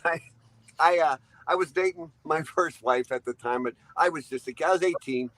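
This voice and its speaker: A man's voice: fairly high pitch, normal speed, fairly bright tone, no echo, low-quality recording. A man in his fifties, a truck driver guest, tells long rambling anecdotes, laughing often and acting out what people said. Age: 50s. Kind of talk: storytelling interview.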